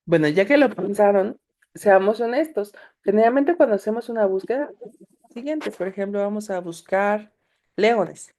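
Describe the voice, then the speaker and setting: A woman teaches a recorded online class, patiently guiding students through a screen demonstration. Her mid-range voice is expressive and darkish at normal speed, and she explains things while addressing students directly.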